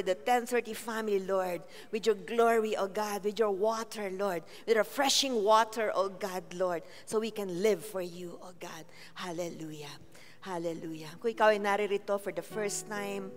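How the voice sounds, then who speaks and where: A woman pastor with a Filipino accent, preaching in a casual mix of Tagalog and English and calling on the congregation for amens. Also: mid-range voice. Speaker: senior pastor. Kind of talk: sermon with congregational worship. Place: large church hall. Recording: church hall reverb.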